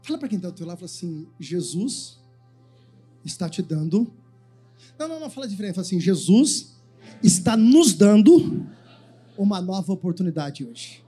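A man's voice: high-pitched, sing-song, brisk, warm tone, slightly rough, faint music behind. A man preaching a sermon as pastor, giving the congregation commands to repeat after him. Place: church.

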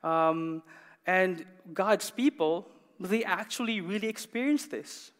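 Male pastor, higher voice, emphatic sermon delivery, church reverb. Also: slow, a bit bright. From Canada. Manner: emphatic, repeats words for stress, asks the congregation questions. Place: church hall.

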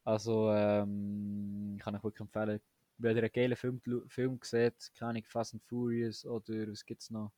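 A man's voice: on the low side, monotone, moderate pace, warm tone, no room sound. Enthusiastic young man, dry sound. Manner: enthusiastic, slangy, many restarts. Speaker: podcast co-host. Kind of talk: casual chat.

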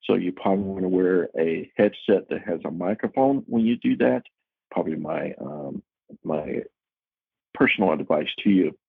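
A man's voice: deep voice, normal speed, creaky, slightly rough, no room sound. A man giving a casual, chatty talk to a technology user group, explaining features with frequent fillers. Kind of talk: casual presentation. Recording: tinny phone-like audio.

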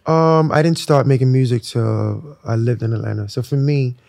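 A young man from Nigeria, a musician talking in a relaxed, reflective way with lots of fillers during an interview. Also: mid-range voice, moderate pace, creaky, no echo. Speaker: musician guest. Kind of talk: casual interview talk.

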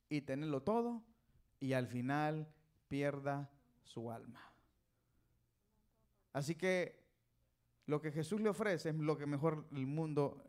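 A male preacher with a fairly high voice gives a folksy sermon, teasing the congregation and calling out questions to them. His volume swings between loud and soft.

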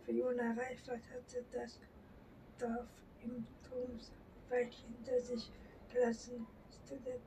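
Woman reading a novel, whispery and slow, stumbles a bit, noisy far-off mic. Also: a little high, little pitch movement. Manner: soft, often whispered, halting with restarts. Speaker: reader. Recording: distant mic with audible background noise.

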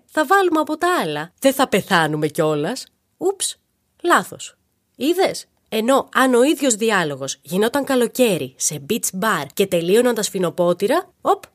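A woman host telling darkly comic stories in a playful monologue, talking straight to the listener. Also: fairly high pitch. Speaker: podcast host. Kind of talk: comedic storytelling monologue.

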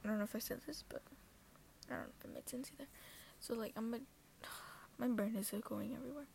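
A woman's voice: a little high, quick pace, creaky, a little mellow, a little hiss or hum. A woman hosting her own podcast, rambling and self-conscious, often dropping into a half-whisper. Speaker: podcast host. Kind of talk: casual solo talk.

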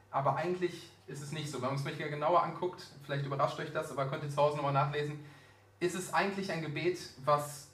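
Male preacher in an echoey hall. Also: fairly high pitch. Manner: lively, colloquial storytelling. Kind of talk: sermon. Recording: roomy echo, distant mic.

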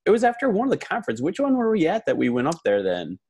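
A man from Wisconsin, a teacher and coach, hosting a casual podcast interview in a relaxed, friendly way. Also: fairly high pitch, racing, husky. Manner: relaxed, friendly, lots of fillers.

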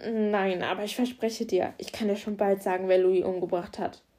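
A driven male police officer, firm and commanding yet caring, read by a woman in an audiobook. Her voice stays mellow and mid-pitched, just somewhat louder for his lines. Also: fairly even intonation, normal speed, lightly acted. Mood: reassuring.

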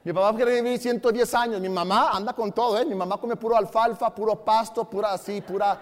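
A man with a Mexican accent preaching a sermon as pastor, fervent, swinging from soft asides to shouted emphasis and joking with the congregation. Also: high voice, steady tone, brisk. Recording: long hall reverb.

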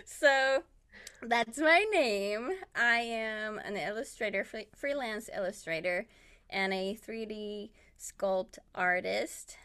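A woman from Chile, a native Spanish speaker, chats casually about her own story as a podcast guest; she's an illustrator and artist. Her mid-range voice is clean and a bit bright, and she rambles and giggles as she talks.

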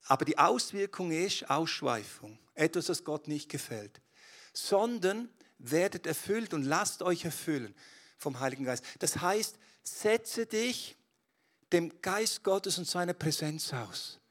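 A man preaching a sermon, asking his listeners direct questions and building to loud, impassioned exhortation. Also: fairly high pitch, lively intonation, unhurried. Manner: speaks straight to the listener with questions. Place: church hall.

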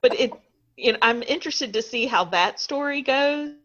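A woman's voice: high-pitched, animated, normal speed, a bit bright, muffled recording. A woman co-hosting a casual chat, laughing often and poking fun at herself. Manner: chatty, laughs often, self-deprecating. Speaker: podcast co-host.

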